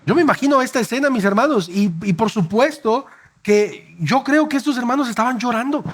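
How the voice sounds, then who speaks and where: Speaking earnestly and directly to his congregation, a pastor preaches a sermon in a very high, expressive voice. At emotional peaks he becomes soft and slow.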